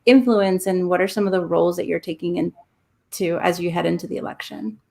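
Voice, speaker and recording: A woman's voice: fairly low pitch, steady tone, fairly quick, creaky, darkish tone. A woman from El Salvador hosting a casual roundtable chat, upbeat and chatty with plenty of fillers. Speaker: host.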